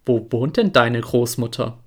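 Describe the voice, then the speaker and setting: A man's voice: medium pitch, measured pace, natural voice. A man voicing a wicked, greedy wolf in a fairy tale, asking sly, coaxing questions.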